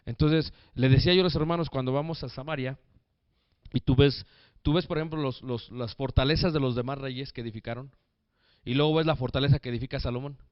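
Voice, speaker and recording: A man preaching a lively sermon, joking with the congregation and calling them brothers. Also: medium pitch, brisk, smooth, dry recording, muffled recording.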